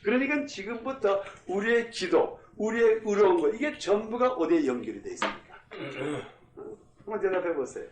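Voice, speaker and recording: A man's voice: high voice, sing-song, normal speed. Emphatic man teaching a Bible class. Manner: emphatic, repeats key phrases, asks the class questions. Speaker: pastor. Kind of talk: Bible study lecture. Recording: echoey room.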